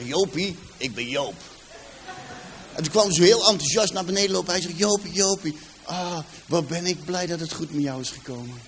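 Man, Rotterdam accent, fairly high voice, personal testimony before a live audience, lively storyteller acting out dialogue, faint background hum. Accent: Rotterdam Dutch. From Rotterdam, Netherlands. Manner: vivid storyteller who acts out dialogue and addresses the audience directly. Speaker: speaker giving a personal testimony. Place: in front of a seated audience.

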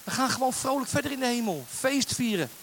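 A man preaching a lively sermon as a guest speaker, joking and getting the congregation to say lines along with him. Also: very high-pitched, a little fast, a little hiss or hum. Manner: animated, jokey, leads the crowd in call-and-response.

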